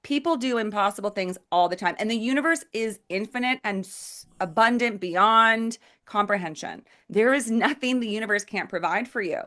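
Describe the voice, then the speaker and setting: A woman's voice: medium pitch, normal speed, hardly any pauses, a bit bright. A woman hosting a podcast interview, talking in an enthusiastic, affirming way. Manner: enthusiastic and affirming, spiritual talk. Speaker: podcast host.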